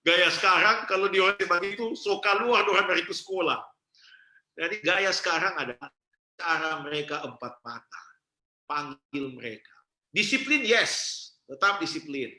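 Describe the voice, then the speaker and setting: A man giving a seminar talk, telling lively stories and slipping into character voices. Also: sits high, normal speed. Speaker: youth seminar speaker, pastor. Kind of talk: seminar talk with acted anecdotes. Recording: roomy echo.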